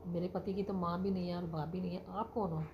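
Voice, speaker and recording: A woman's voice: fairly low pitch, flat delivery, fast, highs cut off, natural voice. A woman voicing a haughty young daughter-in-law in a spoken story, over a noisy background.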